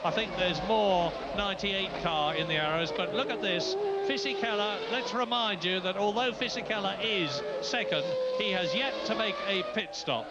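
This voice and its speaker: Sex: man. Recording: worn VHS tape, muffled with loud hiss. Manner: high-pitched race caller. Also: lively intonation. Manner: brisk play-by-play, calling positions and lap counts. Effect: worn VHS tape copy of a TV broadcast. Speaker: lead race commentator. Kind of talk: live motor racing commentary. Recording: muffled, hissy worn videotape.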